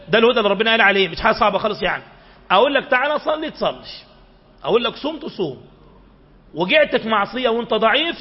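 A man with an Egyptian accent preaching a mosque sermon, switching between slow chanted recitation and quick colloquial explanation. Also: very high voice. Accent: Egyptian Arabic. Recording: dull echoing mosque recording.

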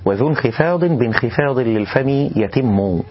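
Male tajweed teacher, measured explanation with slow melodic demos, slightly dull recording. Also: mid-range voice, husky. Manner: explains calmly, then demonstrates recitation slowly and melodiously. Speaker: Quran recitation teacher. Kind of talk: tajweed lesson.

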